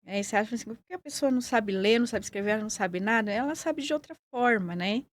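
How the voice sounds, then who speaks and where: A woman with a São Paulo accent, answering interview questions in a measured, explanatory way. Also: on the high side. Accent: Paulista Brazilian Portuguese. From São Paulo, Brazil. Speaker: guest, acupuncturist and nurse.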